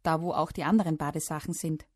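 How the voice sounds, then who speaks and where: A patient, practical mother sorts things out in a calm, gently firm tone, as a woman puts her on. Her voice sits low and husky in a dry, close recording. It is a children's storybook reading. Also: fast, dry recording.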